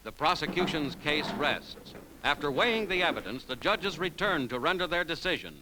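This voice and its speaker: Animated old-newsreel male announcer. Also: a little high, moderate pace, noisy background. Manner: formal, emphatic announcer phrasing. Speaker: newsreel narrator. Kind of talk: old 1940s newsreel narration, dramatic scripted delivery. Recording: vintage newsreel soundtrack with music behind.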